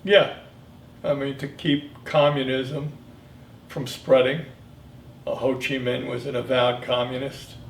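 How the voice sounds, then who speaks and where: A man in his seventies, a military veteran, reminiscing in an interview in a halting, reflective way. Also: mid-range voice, flat delivery, gravelly. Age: 70s. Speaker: Vietnam veteran being interviewed. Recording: echoey room, distant mic, faint noise.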